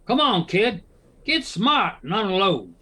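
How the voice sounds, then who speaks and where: In a western audio drama, a man plays a nervous, scheming townsman, urgently wheedling and pressing someone in an agitated, emphatic American Western drawl. His high voice is sing-song, slow, pushed and bright, and the performance is heavily acted.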